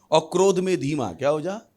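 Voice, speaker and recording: Animated preacher man, slightly high voice. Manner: animated preaching with humorous asides and acted voices; repeats questions to the congregation. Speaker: pastor. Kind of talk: sermon.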